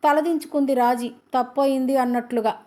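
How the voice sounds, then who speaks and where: A woman reading a comedy story aloud in a gentle, friendly storytelling manner. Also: high-pitched, steady tone, normal speed.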